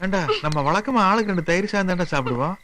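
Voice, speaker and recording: An actor playing a bumbling, excitable male kidnapper who blusters and bickers in a film comedy. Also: high voice, noisy background. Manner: blustering, quick comic bickering. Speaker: film character. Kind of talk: Tamil film comedy acting.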